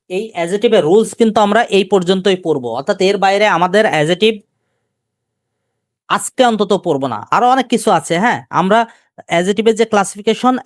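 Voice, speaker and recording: Clean studio sound with no room ambience captures a high-pitched male teacher giving a live grammar lesson. His accent is Bangladeshi Bengali; he asks the class question after question and repeats key terms at a slow pace.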